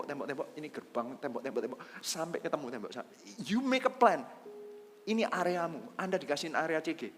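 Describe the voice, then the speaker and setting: Animated man preaching in a hall. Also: a little high. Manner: lively, conversational preaching, asks the congregation questions; mixes in English phrases. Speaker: pastor. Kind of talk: sermon. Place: church hall. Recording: livestreamed church service in a reverberant hall.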